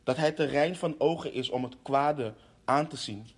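A preacher delivering a sermon, impassioned, with restarts and fillers. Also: male voice, medium pitch, moderate pace, husky.

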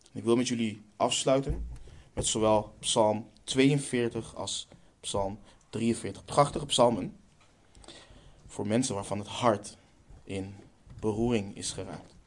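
Earnest male preacher, measured delivery. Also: lowish voice, darkish tone. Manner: earnest, measured, slows down on key phrases. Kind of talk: sermon with scripture reading.

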